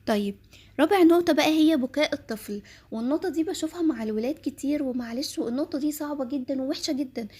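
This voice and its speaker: A woman's voice: high voice, racing, dark tone. A woman with an Egyptian accent giving earnest parenting advice, speaking directly to mothers. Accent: Egyptian Arabic.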